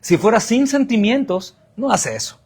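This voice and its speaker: High-voiced Mexican pastor preaching. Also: male voice, animated, moderate pace, a little mellow, slightly rough. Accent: Mexican Spanish. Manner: preaching with rhetorical questions and answers; addresses the congregation as brothers. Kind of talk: sermon.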